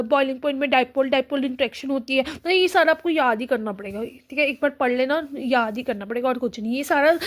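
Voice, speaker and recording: Give me a high-pitched woman teaching a casual online lesson, repeating each step. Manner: reads textbook lines slowly, repeats steps, many fillers. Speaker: biology and chemistry tutor.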